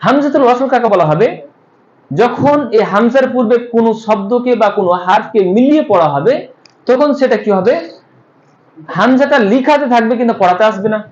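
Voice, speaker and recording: A man's voice: very high voice, animated, brisk. A man teaching an Arabic grammar class. He explains step by step, asks the students questions and answers them himself, with hesitant fillers while he thinks. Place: madrasa classroom. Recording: echoey room, dull lo-fi sound.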